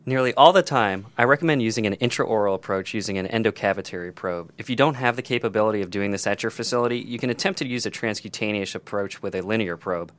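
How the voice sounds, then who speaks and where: Fast-talking man explaining emergency medicine. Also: lowish voice, a bit bright. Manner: detailed step-by-step explaining. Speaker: podcast co-host, emergency medicine doctor. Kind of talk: scripted medical teaching podcast.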